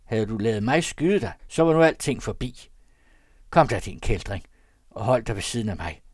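A gruff, angry huntsman , played by a male reader, barks threats and scolds his captive. His voice is raised and harsh. The sound is dry with no room. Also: on the low side, animated, darkish tone, no echo. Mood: threatening.

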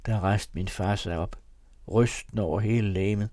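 A man giving a measured, dramatic reading of a classic novel as the host of a serial. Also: on the low side, steady tone, dark tone, dry recording. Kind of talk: scripted audiobook reading.

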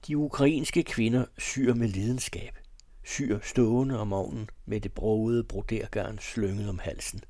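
Man, low voice, radio reader, measured literary reading, dry close sound. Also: fairly even intonation, dark tone, dry recording.

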